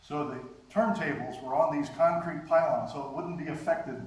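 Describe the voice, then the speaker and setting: A man giving an anecdotal, chuckling talk with slides at a live conference, recorded from a distance in a very echoey hall. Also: on the high side. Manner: anecdotal, chuckles often, halting restarts. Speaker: guest speaker, former radio and TV writer. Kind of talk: storytelling lecture with slides. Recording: very echoey hall, distant mic, faint hiss.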